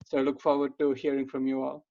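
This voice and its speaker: A man heard through a conference call, his voice somewhat muffled and lo-fi. He speaks in a relaxed way, full of fillers. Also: medium pitch, quick pace, vocal fry. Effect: conference call audio. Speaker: seminar attendee. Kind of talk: casual self-introduction. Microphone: computer mic on an online call. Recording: dull lo-fi call audio.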